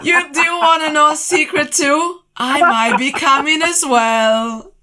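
A woman's voice: sits high, takes it slowly, very noisy. A woman hosting a casual interview, enthusiastic and laughing along with her guest. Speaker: interview host.

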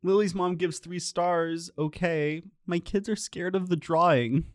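A man's voice: high-pitched, steady tone, unhurried, dry recording. A man hosting a podcast, reading reviews aloud in a dry, jokey manner. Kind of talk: casual chat and reading aloud.

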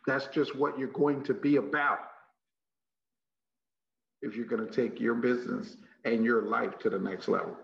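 Texas guy doing leadership training, really gravelly voice, folksy n emphatic, echoey room. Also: medium pitch, steady tone, moderate pace, long pauses, a bit bright. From Texas, United States. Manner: emphatic, folksy, repeats phrases for effect, rhetorical questions. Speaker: motivational trainer. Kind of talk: motivational leadership training talk. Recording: muffled, echoey room recording.

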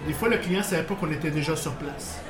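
A guest with a slightly high male voice and a Quebec French accent talks quickly as a crowd murmurs behind him. Of Portuguese background and living in Quebec, he rambles through work stories with lots of restarts and chuckles in a casual storytelling interview before a live bar audience. The echoey bar recording carries background noise.

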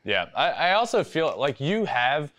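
A man hosting a casual interview, animated and acting out the quotes he retells. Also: a little high, a little slow. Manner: animated, acts out quotes in put-on voices. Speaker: podcast host.

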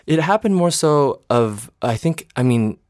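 A man's voice: on the high side, expressive, unhurried, darkish tone, no room sound, clean studio sound. A young man from Michigan in his twenties, an actor and singer, chatting casually as an interview guest, hesitant with many fillers and restarts. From Michigan, United States.

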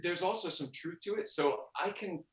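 A man's voice: sits high, moderate pace. A man in his forties, a podcast guest, talking loosely and jokingly. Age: 40s. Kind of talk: casual podcast chat. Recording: echoey room.

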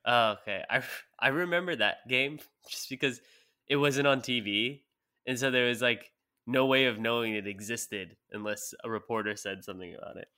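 A man's voice: medium pitch, moderate pace, sharp tone, clean tone. A man who is a sports reporter, talking as a guest on a casual sports podcast, playful and teasing and laughing often.

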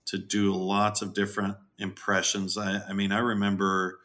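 Jokey low-voiced man with a bright tone. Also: moderate pace. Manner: jokey, animated, acts out quotes with big pitch jumps. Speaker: farm owner, podcast guest. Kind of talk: casual interview chat.

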